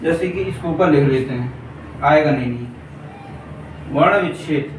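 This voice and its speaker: Speaking fairly quickly in a voice on the high side, a man runs a Hindi grammar lesson at a board aimed at exam preparation. He repeats points and regularly checks in with his students, and the audio has room echo, a distant mic, and faint hiss.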